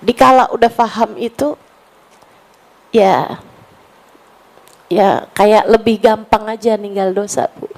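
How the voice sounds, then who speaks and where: A woman's voice: mid-range voice, steady tone, slow pace, vocal fry, long pauses, darkish tone, low-quality recording. A woman in her forties from West Java, preaching casually to a women's gathering, chatty and mixing in Arabic phrases, slipping into pleading prayer. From West Java, Indonesia. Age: 40s.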